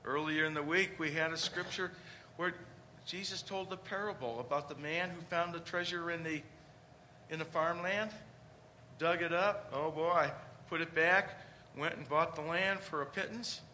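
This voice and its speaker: A man's voice: a little high, fairly even intonation, moderate pace, pushed and bright, slight background noise. A man preaching a conversational homily, with rhetorical questions and emphatic points.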